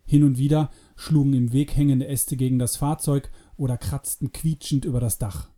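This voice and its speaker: A man narrating an adventure story in a calm, measured audiobook reading. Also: mid-range voice.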